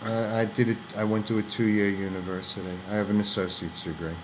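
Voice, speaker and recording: A man's voice: lowish voice, fairly even intonation, brisk, noisy background. A man from Pennsylvania co-hosting a casual chat, rambling and restarting his sentences with lots of fillers. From Pennsylvania, USA. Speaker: co-host.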